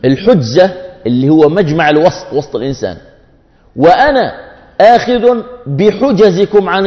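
A man preaching a sermon to his brothers, emphatic, repeating key phrases to press his point. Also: fairly high pitch. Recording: dull sound with long hall echo.

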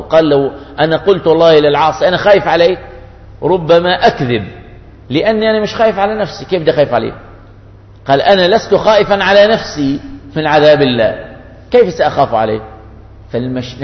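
A man preaching, earnest and pleading. His voice sits fairly high and carries through a long, echoing hall. The recording is dull and lo-fi. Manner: earnest, shifts between colloquial dialect and classical Arabic. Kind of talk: sermon. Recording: echoey hall, dull lo-fi sound.

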